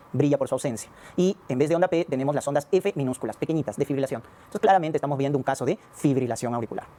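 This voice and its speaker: A man's voice: on the high side, warm tone. A man giving a recorded medical lecture, explaining step by step and often asking rhetorical questions and checking in with his students.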